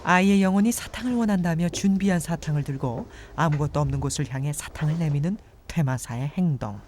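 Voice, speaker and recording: A woman's voice: sits low, a little fast, a little hiss or hum. A woman reading scripted narration for a mystery documentary. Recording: voice-over under loud music. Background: loud background music.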